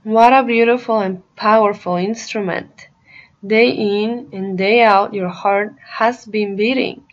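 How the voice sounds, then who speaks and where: A woman guides a meditation, speaking soothingly and deliberately with pauses between short phrases. Her voice is mid-range with fairly even intonation, and the sound is lo-fi.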